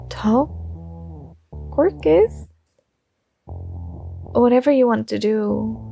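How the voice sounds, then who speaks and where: A young woman with a fairly high voice and vocal fry plays a shy, lovestruck student in an intimate ASMR roleplay. Her heavily acted delivery is soft, hesitant, tender, and somewhat breathy.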